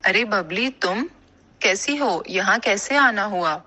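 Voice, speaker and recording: A woman voicing a kind, motherly female pigeon in an animated cartoon, speaking gently and giving advice. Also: medium pitch, dull audio. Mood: caring. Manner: gentle and advising.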